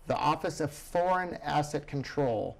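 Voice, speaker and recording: Animated, opinionated male show host. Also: a little high, measured pace, creaky. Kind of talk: casual news chat.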